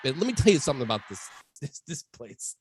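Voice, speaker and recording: A man's voice: medium pitch, very animated, fast, slight background noise. A man co-hosting a sports podcast, telling stories in a casual chat and laughing often. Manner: laughs through his storytelling. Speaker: podcast co-host.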